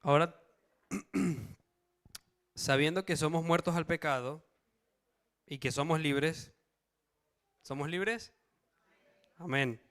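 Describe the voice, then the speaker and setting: This preacher's voice is on the high side and a bit bright, and he takes it slowly with frequent pauses. Giving a Bible study sermon to a church congregation, he reads out verses, asks questions and checks in with his listeners.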